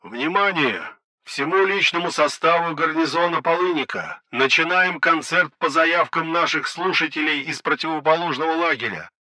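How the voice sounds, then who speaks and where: A man's voice: a little high, moderate pace, bright, forceful tone, voice pushed up. A man voicing a mocking male garrison commandant whose sarcastic, mock-official announcement comes over a crackling radio set. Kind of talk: audiobook narration.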